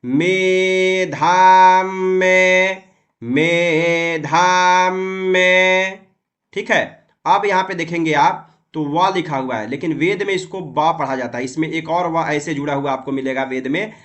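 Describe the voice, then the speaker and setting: A man teaching how to read and memorize Vedic mantras, explaining patiently and chanting the syllables slowly and drawn out. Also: on the high side. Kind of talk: recitation lesson.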